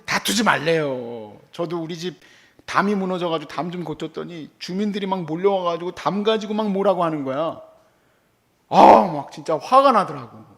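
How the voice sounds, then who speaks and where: A middle-aged male pastor giving a conversational, animated sermon in a church, often acting out quoted remarks. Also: sits high, moderate pace. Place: church hall.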